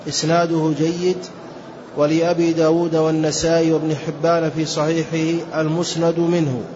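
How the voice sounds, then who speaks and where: A student reading a classical text aloud in a steady recitation. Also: male voice, a little high, normal speed. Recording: dull lo-fi recording with faint hiss.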